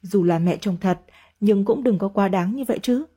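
A woman's voice: mid-range voice, normal speed, mellow, slightly rough. A woman narrating a first-person family story with chatty, gossipy asides.

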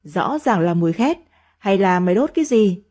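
A woman voicing a bitter elderly mother-in-law who scolds her daughter-in-law in shrill, nagging tirades. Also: expressive, moderate pace, mellow, natural voice. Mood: scolding.

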